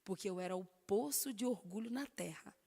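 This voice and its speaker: A woman with a Brazilian Portuguese accent giving an animated, emphatic talk on stage, sharing her own story. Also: mid-range voice, fairly quick, husky. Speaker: speaker sharing testimony. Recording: long hall reverb.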